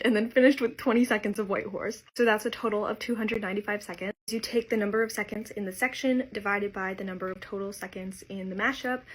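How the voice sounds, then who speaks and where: A woman's voice: medium pitch, bright, forceful tone, husky. A young woman vlogging casually about her crochet project, chatty and enthusiastic as she counts stitches and numbers aloud.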